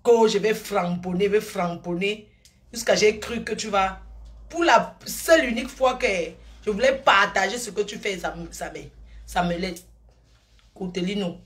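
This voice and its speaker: A middle-aged woman live streamer gushes and rambles, calling her viewers endearments and drifting between affectionate asides and gossip. Her medium-pitched voice is a bit bright and moves at a normal speed.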